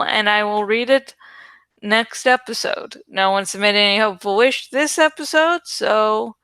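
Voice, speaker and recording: A woman hosting a reading channel chats casually to her viewers in a high, bright, forceful voice. She rambles irreverently, swearing and giggling, and the audio is clean with no room sound.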